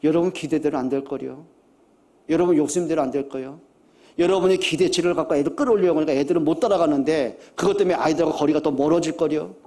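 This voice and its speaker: A middle-aged man preaching a sermon as pastor, talking earnestly and conversationally, repeating his exhortations and moving between hushed and loud emphatic lines. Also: on the high side, quick pace.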